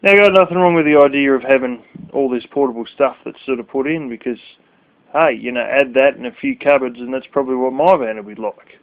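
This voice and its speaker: A man's voice: medium pitch, fast talker. A sleepy man ranting bluntly and rambling as he talks to camera, swearing freely. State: sleepy, yawning late at night. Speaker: vlogger. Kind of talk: casual rant to camera. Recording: tinny phone-like audio.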